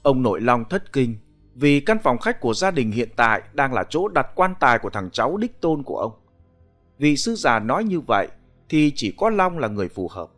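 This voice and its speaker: Expressive male ghost story narrator. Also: mid-range voice, moderate pace. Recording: faint background music.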